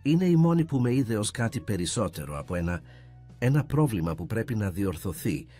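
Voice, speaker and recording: A man's voice: fairly low pitch, sing-song, dark tone, faint music behind. Man voicing earnest blind young son. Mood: pleading. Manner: pleading, emotional.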